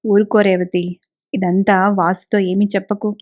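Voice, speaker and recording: A woman reading the part of a kindly middle-aged male village doctor, speaking gently and reassuringly. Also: medium pitch, little pitch movement, unhurried, natural voice. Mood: caring. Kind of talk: audiobook character reading.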